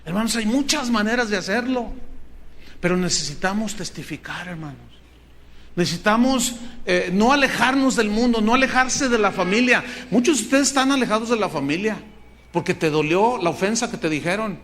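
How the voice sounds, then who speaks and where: High-voiced Mexican pastor preaching. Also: male voice, a little fast. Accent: Mexican Spanish. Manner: earnest, animated storytelling with acted quotes. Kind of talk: sermon. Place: church hall with congregation.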